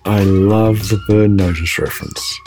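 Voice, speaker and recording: Low-voiced man steering the podcast. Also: a little slow, gravelly, soft background music. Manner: steady, steers the conversation back on track. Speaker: podcast co-host. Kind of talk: casual interview chat.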